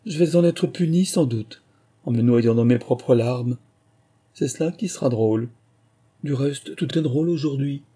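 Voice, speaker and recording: Man playing a curious little girl, raised pitch, eager, pleading, dark mellow tone, storybook. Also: normal speed, breathy edge, close to an everyday voice. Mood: wondering. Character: curious polite young girl, Alice.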